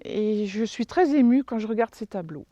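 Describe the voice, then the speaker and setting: Woman, village resident, hesitant with fillers, mellow fairly high voice, dull dry lo-fi sound. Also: lively intonation, moderate pace, dry recording. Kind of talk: interview.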